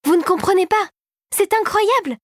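A woman voicing an eager, excitable young girl inventor in an audiobook, in a high, breathless voice. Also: brisk, no room sound, clean studio sound. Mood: excited. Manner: breathless, excited, pitched high above the narration. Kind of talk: audiobook character voice.

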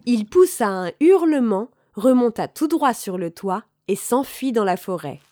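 A woman reading a children's fairy tale aloud in a calm, clear, measured way. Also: on the high side, no echo, clean studio sound. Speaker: storyteller.

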